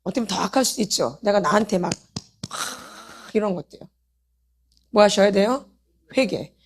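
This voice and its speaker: A woman's voice: medium pitch, expressive, fairly quick, husky. A woman, a pastor's wife leading a healing meeting, preaching a sermon and pressing her congregation with repeated rhetorical questions. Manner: addresses the congregation directly, calls for repentance.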